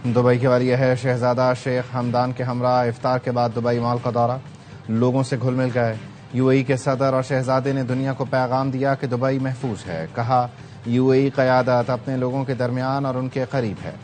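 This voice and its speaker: A man reading scripted news headlines in an even, formal manner. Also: medium pitch, normal speed, slight background noise. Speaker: news anchor.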